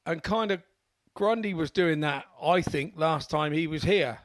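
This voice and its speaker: A man's voice: a little high, a little slow, dry recording. A man co-commentating on live darts in a chatty, informal way with rambling asides.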